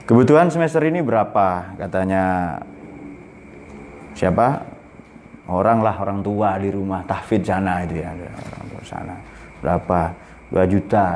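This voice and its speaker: A man's voice: on the low side, a little mellow, slight background noise. A man in his forties giving a casual, joking religious lecture at a boarding school, with many fillers. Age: 40s.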